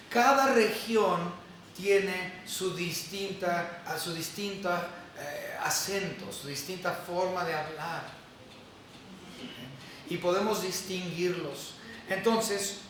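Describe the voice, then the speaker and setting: A man's voice: high voice, a bit bright, a little hiss or hum. A male pastor giving a sermon in a conversational way, often asking the congregation questions. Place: church hall. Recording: echoey hall from far off.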